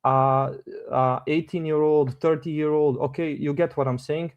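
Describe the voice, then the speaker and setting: A man's voice: on the high side, fairly even intonation, a little slow, clear, resonant tone, muffled recording. A man in his twenties with a Bosnian accent, calling in to a debate show and explaining his point politely and hesitantly. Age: 20s. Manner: hesitant, polite, full of uh fillers. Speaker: caller. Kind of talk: debate call-in.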